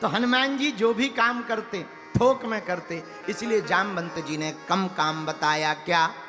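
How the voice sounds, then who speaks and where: High-voiced preacher in an echoing hall. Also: male voice, a little slow, over music. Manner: folksy, teasing, sing-song verses. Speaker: religious preacher. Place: large hall with an audience.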